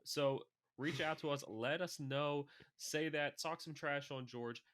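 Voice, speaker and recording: A young adult man co-hosting a casual fantasy football podcast, talking in an animated, excitable way. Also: a little high, measured pace, no echo. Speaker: podcast co-host.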